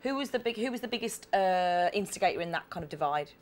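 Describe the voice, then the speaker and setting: A woman's voice: mid-range voice, lively intonation, quick pace. A woman hosting a casual celebrity interview, chatty and bubbly with lots of ums. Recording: faint background noise.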